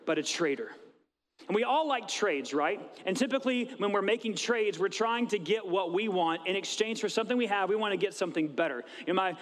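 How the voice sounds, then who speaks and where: A man's voice: sits high, fairly bright tone. A man in his thirties, a pastor preaching a conversational sermon and acting out little dialogues. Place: church sanctuary. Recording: long reverb of a church hall.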